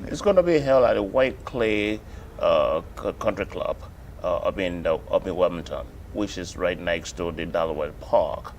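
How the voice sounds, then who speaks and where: Man, from Liberia, very low voice, halting with fillers, TV guest, faint noise. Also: expressive. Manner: halting, many fillers and repeats. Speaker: guest, coalition organizer. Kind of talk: TV interview.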